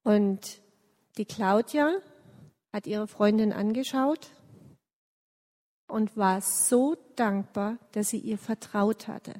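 A woman telling a children's story in church, lively and speaking directly to the kids. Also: medium pitch, takes it slowly, pauses often, in a large hall.

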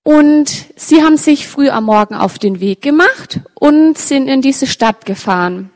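A woman with a fairly high voice tells a story to a young audience, turning to her listeners as she goes. Her voice rings out in a hall with a long, lingering reverb. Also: a little slow. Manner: lively, direct address to listeners. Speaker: storyteller for children. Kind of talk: telling a story with pictures to an audience.

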